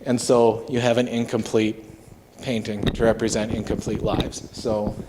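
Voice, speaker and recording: A man telling stories as a ghost tour guide, in a halting, conversational way. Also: fairly low pitch, little pitch movement. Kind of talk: informal walking tour storytelling. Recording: clear background noise, clicks.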